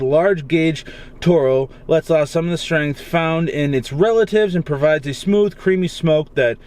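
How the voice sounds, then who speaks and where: A young man with a Massachusetts accent sits in his car on a rainy day, rambling casually and swearing freely as he reviews a cigar for his vlog. His voice is on the high side.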